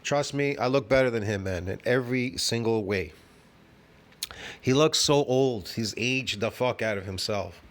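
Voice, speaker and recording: A man's voice: medium pitch, a little slow, slight background noise. A man in his fifties ranting in a reaction video from home, scornful and profane, constantly tossing in "man" and "bro.". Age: 50s. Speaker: fitness video host.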